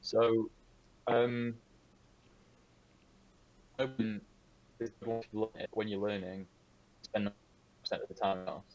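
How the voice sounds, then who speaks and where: A young man with a lowish voice joins the podcast over a video call. He talks casually and tells long, rambling stories to his friends. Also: fairly even intonation, measured pace, pauses often, a little mellow, lo-fi sound. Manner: rambling anecdotes. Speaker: podcast co-host. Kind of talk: casual storytelling.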